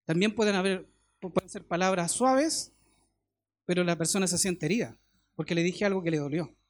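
A man's voice: sits high, fairly quick. Chilean man preaching conversationally. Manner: conversational preaching with homely anecdotes and check-in questions. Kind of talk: sermon.

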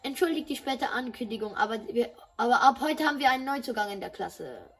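A woman's voice: on the high side, expressive, a little fast, fairly bright tone, breathy edge, faint music behind, exaggerated voice. A woman voicing a friendly, encouraging male biology teacher in a game dub. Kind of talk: dubbing game dialogue.

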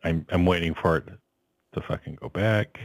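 Low-voiced man checking sports stats. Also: moderate pace, vocal fry, no room sound. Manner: profane, checks facts aloud. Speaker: podcast co-host. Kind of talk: casual sports chat.

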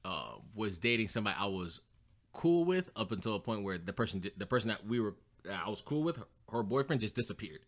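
A man of about thirty co-hosting a casual podcast, telling crude, jokey stories in an animated way. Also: fairly low pitch, quick pace. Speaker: podcast co-host.

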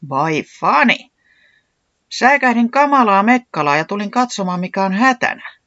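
A storyteller voicing a calm, well-travelled creature who manages the band and soothes its friends. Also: medium pitch, dry recording, muffled recording, pitched above the performer's own voice. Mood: reasonable.

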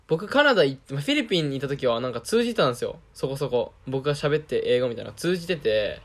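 A man's voice: medium pitch, big pitch swings, fast talker. A young man with a Kansai Japanese accent, talking in a casual, self-deprecating monologue and laughing often.

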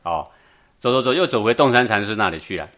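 Man, Buddhist teacher, lively storytelling talk, lowish voice, keeps asking for agreement. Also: fast talker, a crowd in the background. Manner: animated, keeps asking the audience for agreement, chuckles often.

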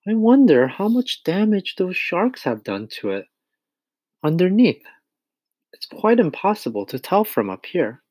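A man voicing an earnest, worried young boy in a raised, lively voice. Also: high voice, unhurried, no echo, voice pushed up, heavily acted.

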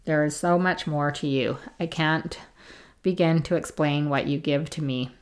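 A woman hosting a casual podcast, reading listener letters aloud in a gentle, chatty way. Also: sits low, steady tone, unhurried. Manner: reads gently, laughs easily, chatty asides.

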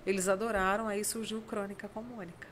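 A woman's voice: mid-range voice, flat delivery, fast, slight background noise. A woman, a writer and radio chronicler, telling stories in a casual interview and acting out the dialogue in them. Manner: warm storytelling, acts out dialogue.

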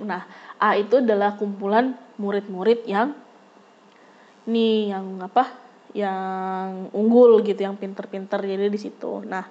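A young woman telling a casual personal story, lively and quick to jump up when she acts out a quarrel. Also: highs cut off. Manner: animated, jumps high when acting out arguments.

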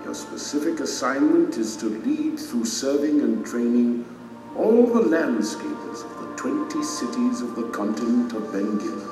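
A man's voice: mid-range voice, expressive, measured pace, distant mic, close to an everyday voice. Man playing a majestic, merciful king in a vast hall. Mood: solemn, benevolent. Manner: stately, formal, proclaiming. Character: majestic male king and judge, merciful, loving, solemn. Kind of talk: dramatic audio drama acting. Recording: cavernous echoing hall, music underneath.

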